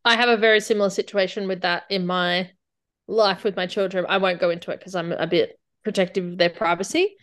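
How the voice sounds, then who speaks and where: A woman's voice: fairly low pitch, steady tone, brisk, a bit bright. A woman co-hosting a casual chat show, teasing at times and sympathetic as she listens and replies. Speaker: podcast co-host.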